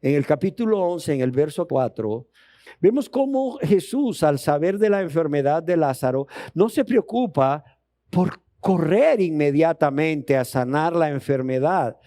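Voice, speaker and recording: A man's voice: on the high side, expressive, unhurried, mellow, dry recording. A man with a Colombian Spanish accent teaching a sermon, asking the audience questions and acting out dialogue. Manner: emphatic, rising questions to the audience, acts out dialogue. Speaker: Bible teacher.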